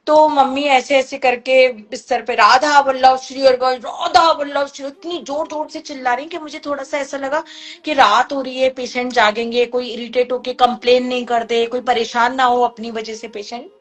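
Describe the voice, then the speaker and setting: A woman's voice: sits high, steady tone, moderate pace. A woman earnestly recounting a personal family story, acting out the voices of the people she quotes.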